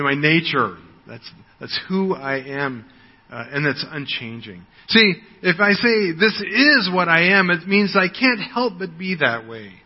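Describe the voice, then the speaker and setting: Conversational American preacher in his sixties, slightly higher voice, long hall reverb, muffled lo-fi sound. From United States. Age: 60s. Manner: conversational, frequent "right?", repeats words when starting. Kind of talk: sermon.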